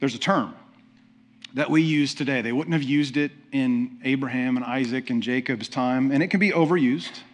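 A man's voice: medium pitch, moderate pace. A man preaching a sermon in a conversational way, asking the listeners questions and often restarting his sentences. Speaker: pastor.

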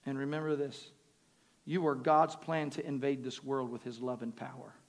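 A man preaching a sermon in a booming, exhortatory motivational manner, insistently repeating phrases and calling on listeners to respond. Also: little pitch movement, normal speed, vocal fry. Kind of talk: sermon with altar call and prayer. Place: live service before a congregation. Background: music playing.

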